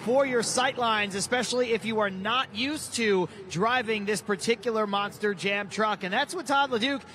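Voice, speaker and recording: High-pitched, forceful male monster truck announcer. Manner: hyped, drawn-out shouted driver introductions. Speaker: event announcer. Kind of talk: live arena motorsport commentary. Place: outdoor stadium. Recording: loud outdoor stadium with engine noise.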